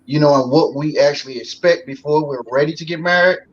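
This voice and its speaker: A talk show guest in his forties speaks in a fairly high, brisk voice, keeping things loose and folksy with plenty of fillers. It's casual conversation, and the recording sounds a bit dull with faint noise.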